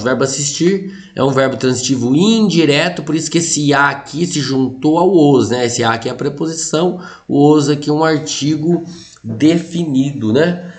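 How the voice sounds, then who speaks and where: A Brazilian man teaching a Portuguese grammar lesson for exam prep, explaining step by step and joking with his students. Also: a little high. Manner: explanatory, lively, jokes with students, frequent "tá?" and "ó".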